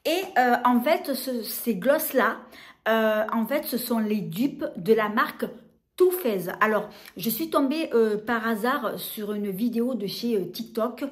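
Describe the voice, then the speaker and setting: Woman, casual haul chat, slow pace, hesitant fillers. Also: a little high. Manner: hesitant, many filler sounds, unhurried. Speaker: beauty vlogger. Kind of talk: casual product haul talk.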